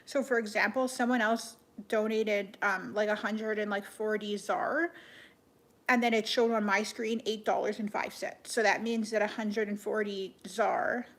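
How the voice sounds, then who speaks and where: A young woman chatting casually on a live stream, answering viewers in an offhand way with many "like" fillers and soft, half-whispered asides. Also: medium pitch, steady tone, a little slow. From Canada. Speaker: livestreamer.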